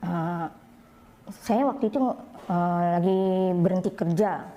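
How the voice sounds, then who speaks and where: A young woman tells her personal story in a mellow, soft-edged voice, often leaping higher as she repeats what others said. A faint hiss of background noise sits under the recording. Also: measured pace. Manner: plain storytelling, rising high when quoting others. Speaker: convert sharing her story. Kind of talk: personal testimony.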